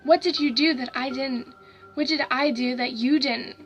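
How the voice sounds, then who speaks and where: Woman voicing a dead boy's hushed, hateful growl. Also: sits high, fairly even intonation, normal speed, dull audio, soft background music, lightly acted. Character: dead young boy, bitter and terrified.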